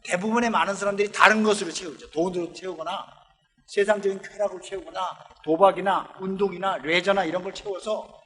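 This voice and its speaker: High-voiced pastor preaching in a reverberant hall. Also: male voice, fairly quick. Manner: lively storytelling, acting out the Bible characters' lines. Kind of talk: sermon. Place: church sanctuary. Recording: long church hall reverb.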